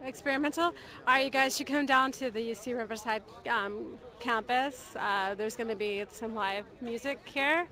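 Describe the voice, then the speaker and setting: Bright-voiced young woman, chatty and joking. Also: a little high, moderate pace. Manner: chatty and joking, talks while eating. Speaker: live streamer at a protest camp. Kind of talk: casual chat. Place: outdoor protest camp.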